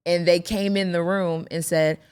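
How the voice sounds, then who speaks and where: A woman co-hosting a podcast, talking casually and thoughtfully, often pausing and restarting as she looks for the words. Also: on the low side, steady tone, darkish tone, smooth. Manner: thoughtful, hesitant, restarts while searching for words. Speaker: podcast co-host. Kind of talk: casual chat.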